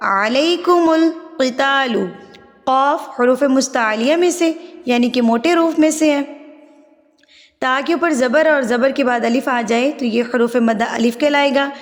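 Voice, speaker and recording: A woman with a Pakistani Urdu accent gives a patient tajweed lesson. Her voice sits high, and she drawls the recited words slowly. A long reverb trails after each line. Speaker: Quran recitation teacher.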